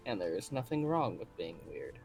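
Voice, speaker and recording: A man talking quickly as a guest on a live stream, his sentences trailing off softly. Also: on the low side, big pitch swings, vocal fry, faint music behind. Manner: talks fast, trailing off softly. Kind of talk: casual chat.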